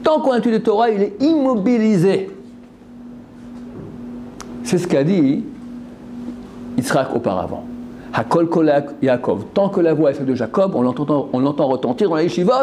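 Animated man teaching a religious lesson. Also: on the high side, moderate pace, slight background noise. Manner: animated, asks and answers his own questions; quotes verses then translates them. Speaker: Torah teacher.

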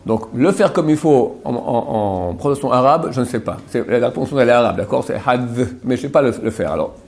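A man teaching a religious class. He talks in a chatty way, checks often that the class follows, and slowly repeats words to show how they are said. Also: medium pitch, lively intonation, gravelly, darkish tone. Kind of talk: Torah class on Hebrew pronunciation.

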